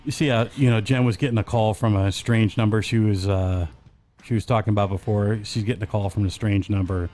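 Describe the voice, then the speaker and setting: A man's voice: on the low side, fairly even intonation, a little fast, dark tone. Joking male podcast co-host. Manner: joking, rambling, lists things off. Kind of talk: casual chat. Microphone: webcam setup.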